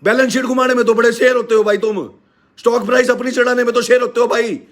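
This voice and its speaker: A man with a Haryanvi accent delivers a heated live-stream rant. His voice sits very high and has a gravelly, creaky edge. He talks loud and scolding throughout. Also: fairly even intonation, fast talker. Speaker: live-stream host and teacher.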